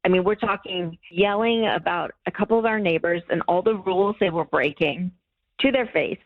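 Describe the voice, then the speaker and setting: A woman's voice: on the low side, moderate pace, no echo. A woman talking to radio hosts over a phone line, sounding awkward and uneasy as she explains herself at length. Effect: heard over a phone line. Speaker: caller on radio show. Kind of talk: candid phone conversation.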